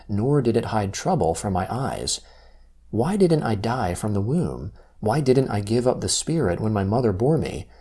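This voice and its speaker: A man reading scripture aloud from a text in a solemn, measured recitation. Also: fairly low pitch, warm tone, slightly rough. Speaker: scripture reader.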